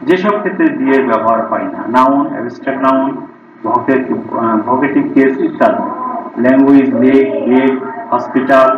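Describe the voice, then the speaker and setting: Man, Bengali accent, teacher reading out grammar word lists, voice from across a roomy space, muffled lo-fi sound. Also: mid-range voice. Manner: reads word lists, slows right down for English sentences. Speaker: school English teacher. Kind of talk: classroom grammar lesson. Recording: distant, roomy, dull lo-fi recording.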